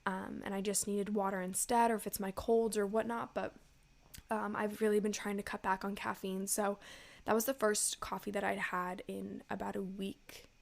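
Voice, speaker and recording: Congested American woman with creaky voice. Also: mid-range voice, little pitch movement, moderate pace. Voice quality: congested, stuffy-nosed. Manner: informal, chatty, addresses listeners as "you guys". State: sick with a stuffy nose. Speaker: podcast host. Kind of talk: casual solo podcast talk to listeners.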